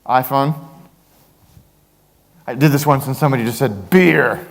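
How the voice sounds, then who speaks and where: A man's voice: unhurried, gravelly, big-room sound. A man giving a conference keynote talk, telling jokey stories with big swings in his voice. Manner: animated, jokey storytelling with big pitch swings. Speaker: keynote speaker. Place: large conference hall.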